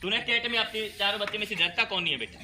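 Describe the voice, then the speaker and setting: A man with a high, rapid-fire voice performs as a stage magician at a school event. His lively, repetitive patter tells stories and keeps turning to address the children. The recording of the show is noisy.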